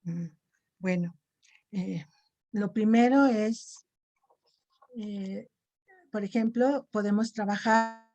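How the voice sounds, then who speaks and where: A woman's voice: mid-range voice, fairly even intonation, slow pace, long pauses, mellow. A middle-aged woman lecturer, explaining patiently and checking in with her listeners often. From Mexico. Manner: didactic, checks in with frequent "¿sí?". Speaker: lecturer on self-esteem. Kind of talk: online lecture and Q&A.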